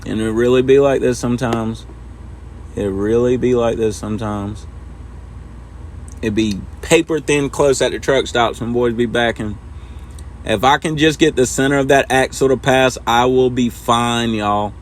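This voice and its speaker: Over slight background noise, a medium-pitched man speaks at a moderate pace, giving relaxed instructional commentary on backing in a trucking sim. He chats away to himself as he drives.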